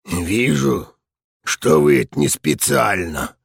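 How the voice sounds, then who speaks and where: A man voicing a gruff old veteran general in an audiobook, hoarse and blustering. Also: medium pitch, lively intonation, takes it slowly, no echo, studio quality, heavily acted. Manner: blustering, shouting. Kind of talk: audiobook character voice.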